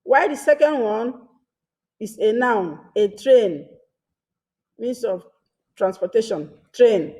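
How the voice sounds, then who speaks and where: A woman teaching a grammar lesson, reading each example sentence twice and pausing between short phrases. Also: fairly high pitch, animated, darkish tone. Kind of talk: slow deliberate grammar lesson.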